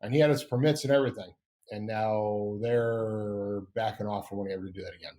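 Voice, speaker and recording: A man's voice: on the low side, steady tone, a little fast, mellow. A middle-aged man hosting a casual podcast, rambling and upbeat, often correcting himself as he goes. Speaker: podcast host. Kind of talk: casual chat.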